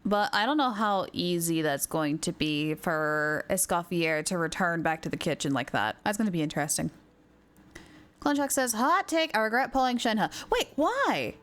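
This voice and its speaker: A woman game streamer with a low-leaning, slightly bright voice chats casually at a normal speed, sounding animated. She thinks aloud as she reads and answers viewer comments while faint game music plays behind her.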